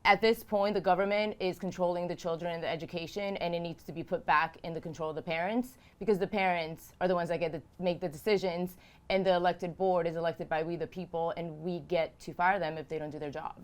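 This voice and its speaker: A woman's voice: on the low side, fairly even intonation, quick pace, smooth. A woman in her thirties from Romania, answering interview questions as a political candidate, earnest and emphatic, repeating phrases for emphasis. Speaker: House candidate.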